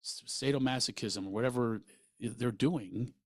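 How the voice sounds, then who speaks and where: A middle-aged man from Pennsylvania hosting a podcast, telling stories in an animated, rambling way full of asides. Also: mid-range voice, moderate pace, no room sound. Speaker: podcast host, comedian. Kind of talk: storytelling monologue.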